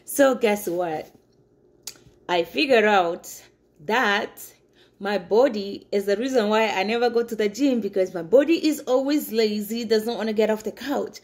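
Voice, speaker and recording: A woman's voice: mid-range voice, measured pace. A woman in her thirties chatting upbeat to her phone camera in her home kitchen. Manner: upbeat, chatty, addresses viewers as guys. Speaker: vlogger. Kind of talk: casual chat to camera. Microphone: phone camera on a counter. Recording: echoey room.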